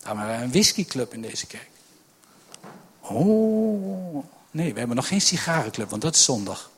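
A man preaching a lively sermon, acting out quotes and joking with the congregation. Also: mid-range voice, moderate pace. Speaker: pastor.

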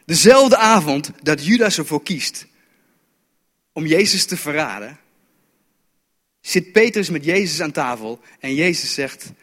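Fairly high-voiced male preacher, storytelling sermon, stumbling repeats, long hall reverb. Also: lively intonation, measured pace, pauses often, a bit bright.

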